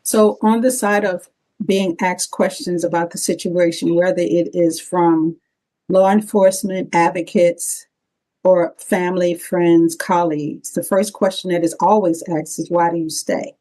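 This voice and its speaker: A middle-aged woman, a guest and survivor advocate, telling her story in an interview with animated, emphatic delivery. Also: lowish voice, a little slow, rough recording. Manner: animated, acts out dialogue, emphatic.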